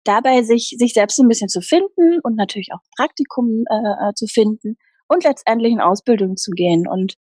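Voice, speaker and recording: A woman working as a happiness coach, talking earnestly in an interview with many pauses and restarts. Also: on the high side, darkish tone, no room sound. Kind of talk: casual interview talk.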